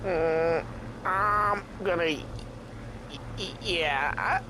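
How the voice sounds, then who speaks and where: Drunk mobster, slow and rambling, loud game noise under. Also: male voice, high-pitched. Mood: maudlin drunk. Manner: slow, maudlin, sudden loud outbursts. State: drunk, slurring.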